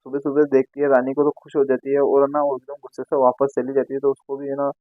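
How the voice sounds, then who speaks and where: Flat, tinny-sounding man recapping a serial. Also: medium pitch, fast talker, dry recording. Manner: rambling, filler-heavy retelling with frequent restarts. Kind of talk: casual episode recap narration. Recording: tinny phone-like dry sound.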